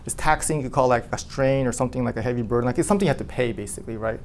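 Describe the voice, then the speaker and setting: Animated man telling his team a story. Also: mid-range voice, very fast, slight background noise. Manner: animated, asks the room questions, many "like" fillers. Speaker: insurance agency owner addressing his team.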